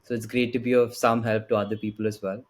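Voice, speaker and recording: A man's voice: fairly low pitch, level tone, quick pace. A young man in his late teens with an Indian accent, answering casually and politely as an interview guest, often saying "like" and "you know". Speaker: podcast guest, student.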